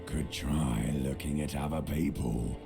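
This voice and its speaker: An actor voicing an ancient, brooding inner voice of the brain in a video game, slow and taunting, with a gravelly voice. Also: male voice, fairly even intonation, music in the background, heavily acted. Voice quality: gravelly, very deep.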